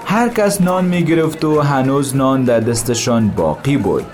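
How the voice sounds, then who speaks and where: A man's voice: mid-range voice, lively intonation, darkish tone, faint music behind. A man telling a Bible story to his daughters as a father. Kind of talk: storytelling to children.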